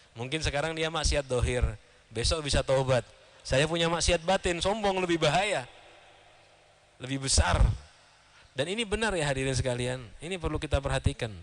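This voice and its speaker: Lively male preacher. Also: fairly high pitch. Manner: lively storytelling, acts out dialogue, chuckles. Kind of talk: sermon to a mosque congregation. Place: large mosque.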